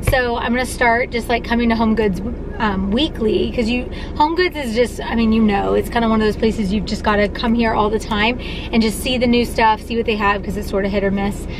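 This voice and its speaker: A woman's voice: on the high side, steady tone, a little fast, noisy background. A young adult woman and pregnant mom chatting casually to the camera in a vlog, full of fillers and "like". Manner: chatty, filler-heavy, peppered with "like".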